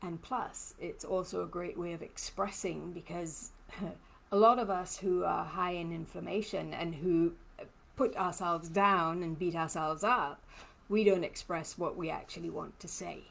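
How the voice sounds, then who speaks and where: Heard on a low-quality recording, this woman's voice is on the low side yet fairly bright, with vocal fry, fairly even intonation and a slightly slow pace. A lymphoedema therapist from Trinidad with an accent that blends several influences, she gives a chatty live-stream talk, replying to comments and laughing often.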